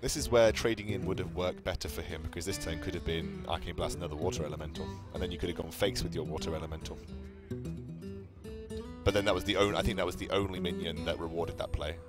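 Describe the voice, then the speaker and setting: Low-voiced man analysing a card game live. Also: fairly even intonation, fast talker. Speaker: esports commentator. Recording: game music with guitar behind. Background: game music with guitar.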